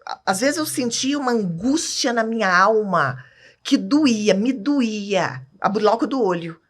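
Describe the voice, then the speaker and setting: A woman's voice: medium pitch, lively intonation, unhurried. A Brazilian woman talking as a podcast guest, emphatic and candid, often checking that the listener follows. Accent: Brazilian Portuguese. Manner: emphatic, keeps asking "entende?".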